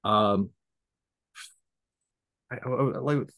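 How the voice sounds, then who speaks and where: A man's voice: on the low side, extremely slow, a bit bright, no room sound, studio quality. A man with a Southern US accent hosting a casual podcast interview, rambling and self-conscious with many restarts. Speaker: podcast host.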